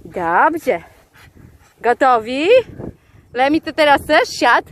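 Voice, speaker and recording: A woman's voice: slow, a little hiss or hum. Woman baby-talking her dogs in a field. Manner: high sing-song baby talk to pets; calls out commands, squeals with excitement. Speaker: dog owner vlogger. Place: open fields outdoors.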